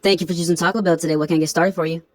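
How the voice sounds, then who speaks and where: A man's voice: on the high side, fairly even intonation, dry recording, pitched above the performer's own voice. A man doing a drive-thru worker over the speaker. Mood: polite, routine. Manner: brisk scripted customer-service patter. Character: fast-food drive-thru worker taking an order.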